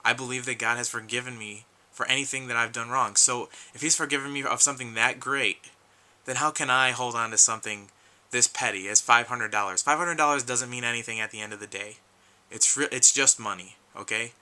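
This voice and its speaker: Man, earnest rambling vlog talk, slightly worn voice, bright and crisp tone. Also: medium pitch, steady tone, fairly quick, poor audio. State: losing his voice, coughing. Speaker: YouTube collector vlogger. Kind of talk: casual talk to camera.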